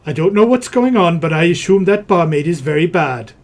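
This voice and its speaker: A man's voice: fairly high pitch, animated, fairly quick, close to an everyday voice. A man voicing a party companion called Warden, in nearly his own speaking voice.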